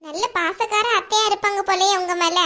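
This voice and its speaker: A woman voicing a calm but firm female doctor in a cartoon, reproving when needed. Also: very high-pitched, brisk. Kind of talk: cartoon voice acting.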